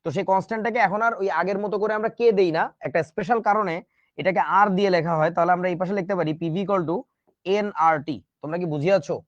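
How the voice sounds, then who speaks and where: A man's voice: high-pitched, steady tone, fast, no room sound, highs cut off. A man teaching a chemistry class in a casual, joking way, with speech. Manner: chatty, joking asides to students. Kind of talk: casual online class lecture.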